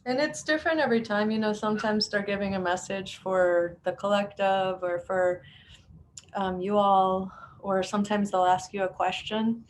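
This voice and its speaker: A woman's voice: mid-range voice, normal speed, a little hiss or hum, rough recording. Laughing woman on a video call. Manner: laughs often, relaxed with restarts. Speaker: divination facilitator and translator. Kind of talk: casual video-call chat.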